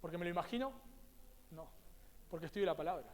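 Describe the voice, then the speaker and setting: A man's voice: high voice, fast talker. A man with an Argentine accent preaching a sermon as pastor, emphatic and repeating his key words. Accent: Rioplatense Spanish. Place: church hall. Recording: echoey church hall.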